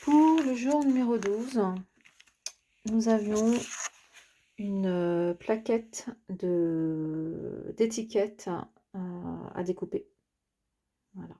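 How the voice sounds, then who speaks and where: A woman's voice: mid-range voice, very slow, pauses often, warm tone. A woman chatting casually to her viewers as she unboxes craft items, hesitating often with filler sounds. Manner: chatty, addresses the viewer directly. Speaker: craft vlogger.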